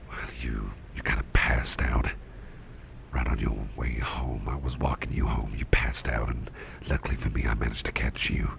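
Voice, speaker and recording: Heavily acted, this ASMR roleplay has a man as a protective, caring boss looking after his employee. His breathy near-whisper carries a heavy low creak, and his reassuring, hesitant pauses convey gentle concern, all captured close-up with background noise clearly audible.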